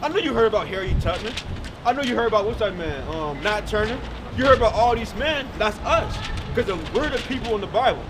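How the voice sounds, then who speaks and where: A man with a high voice and lively intonation talks fast as he preaches outdoors in the city. He's emphatic, throwing question after question at his listener, and the far-off mic picks up loud traffic.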